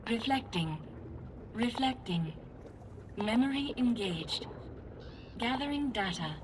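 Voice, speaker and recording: A woman's voice: a little high, slow. A woman voicing a glitching clockwork robot analyst in a video game, speaking in clipped, formal machine phrases that loop and repeat. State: glitching, repeating and looping words. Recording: game audio with steady background noise.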